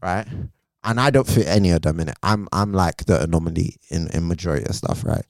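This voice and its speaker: A man with a low voice and a London roadman accent, talking casually as a podcast co-host. His speech is slangy and keeps checking in with tag questions. The sound is dry, with no room on it. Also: fast talker, vocal fry, darkish tone, dry recording.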